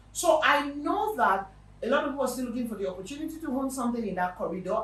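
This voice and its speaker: A woman's voice: a little high, reverberant, recorded from a distance, rough recording. A Nigerian woman hosting a real estate show, talking casually to her viewers with emphatic repetition. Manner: lively and chatty, with emphatic repetition.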